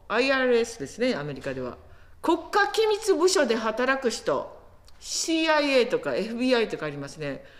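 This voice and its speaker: A woman preaching a sermon in an animated storytelling manner, acting out quotes as she goes. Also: a little high. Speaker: pastor.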